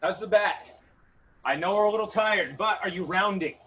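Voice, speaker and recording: A man with a high voice leads a workout as a coach, calling out moves and punch combos in short, clipped cues. He is some way from the microphone in a gym. The sound is dull, with background noise. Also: moderate pace, a bit bright. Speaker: fitness coach leading a home HIIT workout. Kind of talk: live exercise instruction with short cues and counts. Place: indoor garage-style gym. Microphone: camera several metres away. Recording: distant mic, muffled, noisy gym.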